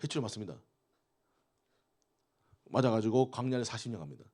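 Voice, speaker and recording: Animated male youth preacher. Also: lowish voice, a little fast. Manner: conversational, keeps asking the teens questions. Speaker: youth pastor. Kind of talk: interactive youth sermon.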